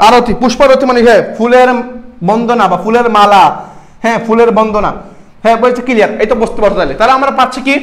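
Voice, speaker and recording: A man's voice: very high-pitched, fast talker. A young man, tutoring students for an admission exam, quizzing them and repeating key answers. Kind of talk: online exam-prep class.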